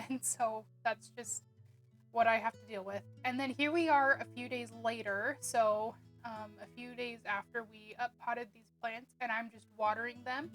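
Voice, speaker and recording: A woman's voice: on the high side, a bit bright. A woman narrating a casual homemaking vlog, chatty and rambling with frequent ums and little laughs. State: hiccuping. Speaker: homemaking vlogger.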